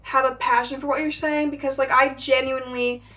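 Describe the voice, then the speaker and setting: A young woman in her late teens vlogs casually to camera, speaking with a stutter and lots of filler words. Her voice is high-pitched and brisk with a sharp tone and little pitch movement, and she's far from the mic.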